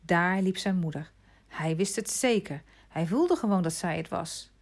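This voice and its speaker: Calm low-voiced woman storyteller. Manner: calm, measured, sinking to a hush at quiet moments. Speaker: audiobook narrator. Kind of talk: scripted storybook narration.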